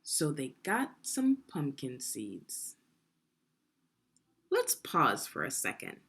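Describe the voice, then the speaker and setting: A woman with a deep, slightly rough voice reads a story to children. As a teacher, she keeps it expressive and deliberate, stopping at points to guide them with questions.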